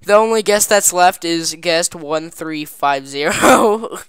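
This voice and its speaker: A woman giving casual gameplay commentary at her computer, goofy and chatty, breaking into excited cheers, on a desk mic. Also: on the low side, slow pace, clear, resonant tone, no echo. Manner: excited squealing "yay" cheers and laughter; playful goofy broken phrasing. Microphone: desk microphone.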